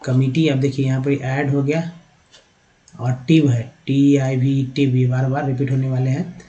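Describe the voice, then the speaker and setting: The recording is muffled, carrying a medium-pitched male voice that's flat and dark. He teaches English online with an Indian accent, spelling words letter by letter, sounding them out slowly, and repeatedly telling viewers "dekhiye."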